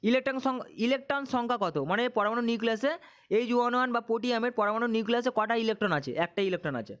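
A man's voice: very high-pitched, very fast, fairly bright tone, smooth. A man teaching an exam-prep lesson, drilling questions and answers and repeating himself to check students follow.

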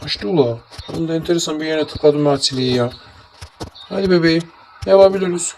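A gameplay streamer with a slightly high, creaky voice talks fairly quickly while casually commentating his game. He grumbles, mutters oaths, and talks both to the game and to his viewers, with game music playing behind him and a noisy background.

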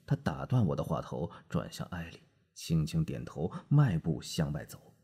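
Husky deep-voiced male audiobook narrator. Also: sing-song, normal speed, dark tone. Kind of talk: scripted first-person narration.

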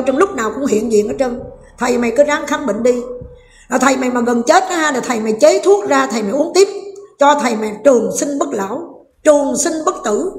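A middle-aged woman ranting in heated, blunt commentary, scolding her listener with rough familiar talk. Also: sits high. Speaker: online commentator. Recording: echoey roomy recording with faint music.

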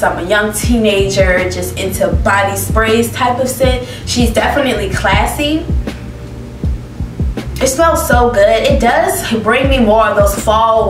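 A young woman, apparently a beauty vlogger, reviews perfumes on camera in a casual way, reading the descriptions aloud and reacting expressively with laughs. Her voice is medium-pitched and unhurried. She's indoors in a plant-filled living room, recorded on a distant mic with roomy echo and music playing behind her.

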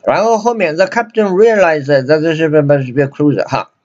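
A man with a Chinese accent teaching an English grammar lesson, repeating himself and reading English lines slowly. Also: fairly high pitch, a little mellow. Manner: repetitive, many fillers and restarts, reads English slowly. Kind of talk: grammar lesson explaining sentences. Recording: dull lo-fi recording.

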